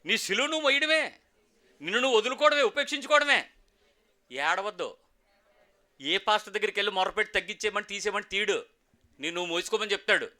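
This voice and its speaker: A man's voice: sits high, lively intonation, fast talker, long pauses, bright, forceful tone. A man preaching a sermon as pastor, emphatic, asking rhetorical questions and prompting the congregation to repeat after him. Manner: emphatic, call-and-response with the congregation.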